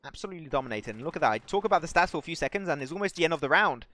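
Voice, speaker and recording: Male esports caster, live game commentary, excitable, higher-pitched voice. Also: rapid-fire. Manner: excitable, rising to shouts on big plays, chats to viewers.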